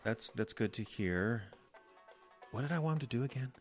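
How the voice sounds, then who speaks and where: A man's voice: mid-range voice, expressive, normal speed, soft background music, lightly acted. An actor playing a nervous, easily panicked male station boss who stammers and hesitates, in a comedic audio drama. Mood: bewildered.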